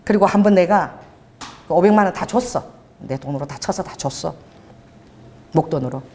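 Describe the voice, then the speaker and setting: A woman's voice: on the low side, normal speed, slight background noise. A middle-aged woman pastor preaching a sermon, telling stories and acting out the voices in them. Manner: lively, storytelling, acts out voices in stories. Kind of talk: sermon with storytelling.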